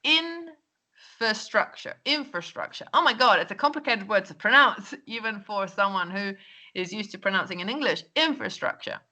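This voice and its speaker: A woman records feedback for her English class. Her voice is bright and crisp, and she keeps checking in with "okay?" and "um". She speaks into a computer mic while going over a screen. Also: mid-range voice, a little fast. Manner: chatty, lots of "um" and "okay?", laughs at herself. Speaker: English teacher.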